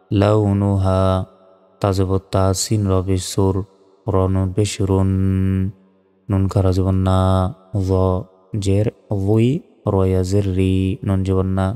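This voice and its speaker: Deep slow-spoken male Quran teacher. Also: warm tone, clean tone, big-room sound. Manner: slow, syllable-by-syllable spelling with drawn-out recitation. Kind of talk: spelling out and reciting Arabic verses.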